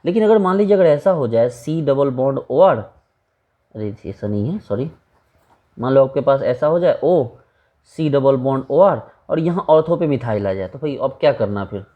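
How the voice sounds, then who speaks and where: A man's voice: medium pitch, animated, normal speed, narrow, tinny audio. A man teaching a chemistry lecture in a casual, chatty way, asking rhetorical questions and calling students brother.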